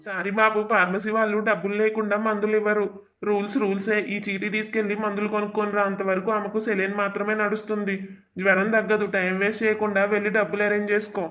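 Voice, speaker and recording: An actor voicing a cold, matter-of-fact private hospital doctor in a cartoon drama. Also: male voice, sits high, monotone, fast, sharp tone, dull audio.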